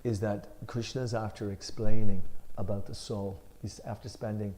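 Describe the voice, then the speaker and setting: An Irish man leading a scripture discussion reads a commentary aloud emphatically and then explains it casually, with some fillers. His voice is on the low side at normal speed, and the recording is rough with slight background noise.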